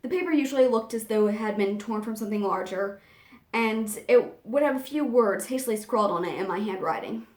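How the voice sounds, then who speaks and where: A woman's voice: a little high, brisk, close to an everyday voice. A woman performing a dramatic monologue as an anxious young woman, confessing in a confiding, conversational, theatrical way. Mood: uneasy, troubled. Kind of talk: dramatic first-person monologue reading. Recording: echoey room.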